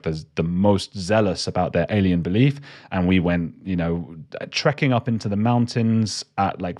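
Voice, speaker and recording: A man's voice: deep voice, darkish tone. A man, a documentary maker, telling rambling, self-deprecating stories in a casual chat as a guest.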